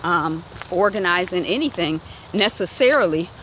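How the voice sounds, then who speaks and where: This rough recording catches a Detroit-accented vlogger in her thirties chatting at a moderate clip while walking a residential street, phone at arm's length and traffic noise around her. She performs quoted voices with lively, big pitch leaps.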